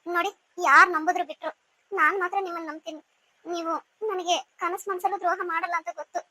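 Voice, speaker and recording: A woman's voice: extremely high pitch, fairly even intonation, fast, bright, forceful tone. A woman voicing a devoted young wife in a cartoon serial, speaking in an earnest, pleading way.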